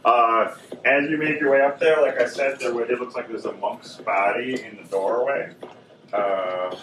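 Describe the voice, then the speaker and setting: Measured and a bit bright, this game master's medium-pitched voice keeps a fairly even intonation. He narrates a tabletop horror game in a convention gaming room, describing scenes loosely and meanderingly, on an echoey, distant, noisy recording.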